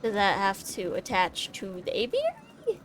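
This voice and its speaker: A woman giving casual, excitable commentary while she plays a video game, often squealing with delight. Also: mid-range voice, unhurried, faint music behind. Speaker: gameplay streamer.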